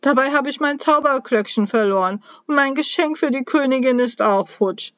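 A woman's voice: sits high, moderate pace, a bit bright, dry recording, pitched above the performer's own voice. A woman voicing a small, frightened male Christmas elf who is a royal cook, whining and fretting as he talks, in a dull, dry recording. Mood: rambling worried. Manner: whiny, fretful, jumpy.

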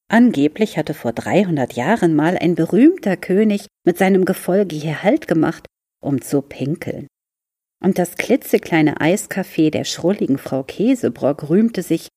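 A woman reading a children's book aloud in a library, telling it in a calm, unhurried way with a husky, gravelly voice. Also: deep voice, no echo, studio quality. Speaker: library reader.

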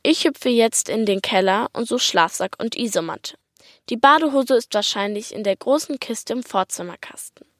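A woman with an Austrian accent voicing a patient, practical mother who speaks calmly and firmly. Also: on the high side, moderate pace, dry recording, clean studio sound. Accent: Austrian German. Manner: calm, firm, organizing.

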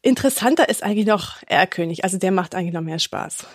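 A woman's voice: mid-range voice, animated, fast, no echo, studio quality. A woman hosting a podcast, chatting in a casual, amused way with frequent fillers. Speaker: podcast host.

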